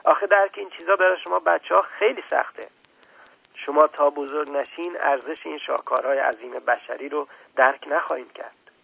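A man's voice: on the high side, vocal fry, bright, forceful tone, slightly rough, no echo, heavily acted, low-quality recording. A man voicing a proud, condescending old scientist in a storybook reading. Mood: lecturing. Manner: lecturing, condescending. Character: old male scientist, proud, dismissive and impatient.

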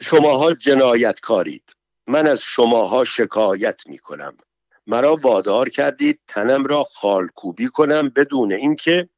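A man's voice: medium pitch, animated, darkish tone, dry recording, natural voice. A man reading the lines of an angry young female cabaret dancer, in an indignant, complaining manner. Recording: dull, dry, slightly muffled sound.

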